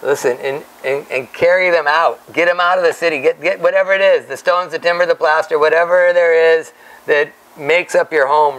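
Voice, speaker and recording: A middle-aged man preaches from a pulpit microphone in a small church, his voice carrying a gravelly edge. He teaches with animated energy, stumbling over restarts and repeating words as he builds his point. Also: fairly high pitch, low-quality recording. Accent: Hawaiian-influenced American English. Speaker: pastor. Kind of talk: verse-by-verse Bible teaching. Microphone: stand mic at the pulpit.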